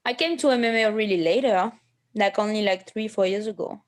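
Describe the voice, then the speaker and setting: A French woman in her thirties, an MMA fighter, speaks English as a guest in a casual interview. Her medium-pitched voice moves a little fast. She hesitates with many fillers and restarts and is blunt at times.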